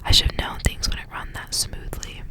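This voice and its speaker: A woman softly whispers at normal speed, reading a storybook aloud ASMR-style with an unvoiced hush. She's an ASMR reader and channel host who drops in casual asides.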